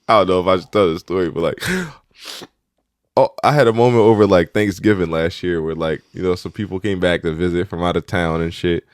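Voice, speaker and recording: A young man co-hosting a podcast, chatting casually and telling animated, profane stories. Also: low voice, normal speed, long pauses, smooth, dry recording, studio quality. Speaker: podcast co-host. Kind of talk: casual chat.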